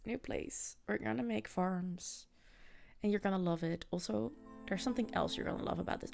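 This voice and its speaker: She has a creaky, mid-range voice that is a little mellow. This young Dutch-accented woman from the Netherlands is gaming on stream and chatting with her audience, answering chat messages, laughing often and restarting her sentences a lot.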